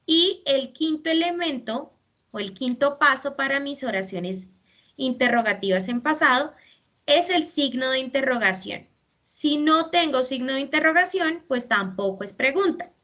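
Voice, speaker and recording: A woman's voice: high-pitched, lively intonation, moderate pace, pushed and bright. A woman English teacher explaining grammar step by step in a patient class.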